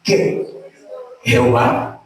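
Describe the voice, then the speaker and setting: A man preaching a sermon emphatically, repeating lines and swinging between shouts and quiet, low tones. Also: very slow. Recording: echoey room from far off, faint noise.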